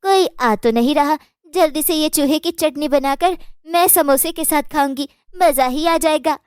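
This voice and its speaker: An eager, sweet young daughter-in-law in a cartoon, talking in a pleading way. Her voice is very high and close, with a dry sound. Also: measured pace, no room sound. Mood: greedy. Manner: pleading, apologetic.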